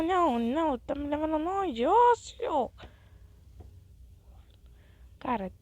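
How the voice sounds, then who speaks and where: A young woman chatting excitedly to viewers as she plays a game, sometimes dropping into a whisper. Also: mid-range voice. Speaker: gaming channel host. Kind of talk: casual gameplay commentary.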